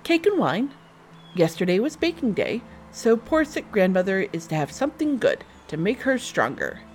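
A woman voicing an innocent, cheerful little girl with a high, eager voice. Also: sing-song, normal speed, faint music behind, close to an everyday voice.

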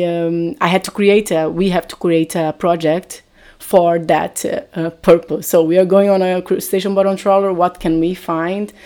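A woman's voice: fairly low pitch, vocal fry, mellow. A young woman from Brazil, a shark researcher with a Brazilian accent, answering interview questions earnestly with many restarts. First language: Portuguese. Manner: earnest, frequent restarts and fillers. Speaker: deep-sea shark researcher.

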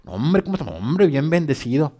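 A man putting on an over-the-top male churchgoer who whoops and shouts praise. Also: fairly high pitch, big pitch swings, a little fast, pitched above the performer's own voice. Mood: exuberant.

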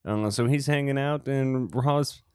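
A male podcast co-host recapping a sitcom episode in easy, casual chat. He jokes and laughs often while he talks. His mid-pitched voice sounds close and dry, with no room echo. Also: unhurried, a little mellow, smooth. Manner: laughs often, playful joking.

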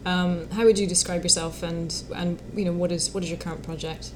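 A woman with a Scottish accent hosting an interview, asking questions in a relaxed, easygoing way with fillers. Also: lowish voice, fairly quick, slight background noise. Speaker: interview host. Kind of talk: casual interview.

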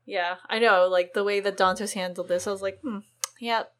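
A young woman co-hosting a podcast, talking through a book chapter in a quick, animated, casual way. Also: mid-range voice. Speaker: podcast co-host.

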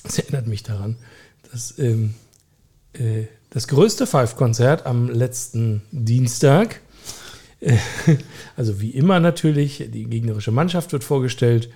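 Male podcast co-host, warm dark tone, rambling casual football banter. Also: mid-range voice, unhurried, slightly rough. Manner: rambling, many fillers, dry humor.

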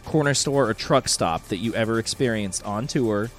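A man's voice: lowish voice, normal speed, soft background music. A man hosting a casual talk show, enthusiastic and swearing freely as he reads out listener questions. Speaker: host. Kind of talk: casual chat.

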